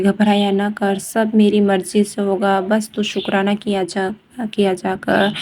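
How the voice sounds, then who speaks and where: Slow, monotone devotee woman. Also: medium pitch. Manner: halting, with many fillers and restarts, addressing the congregation. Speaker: devotee sharing a gratitude testimony. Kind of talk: devotional testimony with chanting.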